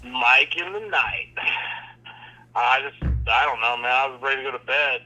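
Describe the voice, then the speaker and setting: A man's voice: mid-range voice, normal speed, bright, forceful tone. Laid-back man over a speakerphone. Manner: laid-back, slangy, calls people dude and bro. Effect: played over a phone on speaker. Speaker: caller on a livestream. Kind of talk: casual chat. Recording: dull, lo-fi phone line on speaker.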